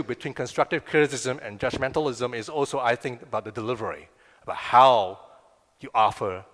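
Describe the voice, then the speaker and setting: A man's voice: mid-range voice, fairly bright tone. Man preaching in a reverberant hall. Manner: conversational, asks the crowd "right?" often. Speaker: pastor. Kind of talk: sermon. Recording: long reverb of a big room.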